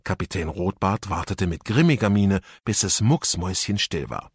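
A man's voice: low voice, normal speed, slightly rough, no room sound, studio quality. A man reading a children's story aloud as narrator, giving each character a voice. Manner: lively voicing of characters. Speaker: audiobook narrator.

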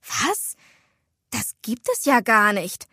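A good-natured teenage girl who rides horses, played by a woman reading a storybook. She sounds earnest and is quick to be surprised, with a fairly high pitch. The recording is close and dry. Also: dry recording, close to an everyday voice. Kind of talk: storybook dialogue.

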